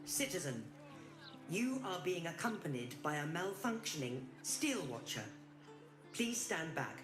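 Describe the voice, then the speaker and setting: Over game music, a mechanical guard construct issuing cold, official orders in a lowish voice that still moves a lot. The sound is echoey, as from a game. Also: female voice, measured pace. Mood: commanding. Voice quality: flat, official, commanding.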